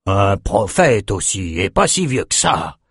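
A man's voice: sits low, slow pace, slightly rough, no echo, clean studio sound, exaggerated voice. A man doing a touchy, indignant aging prophet.

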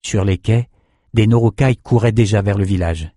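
A man narrating a fantasy audiobook with even, measured storytelling. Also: on the low side, no room sound, clean studio sound.

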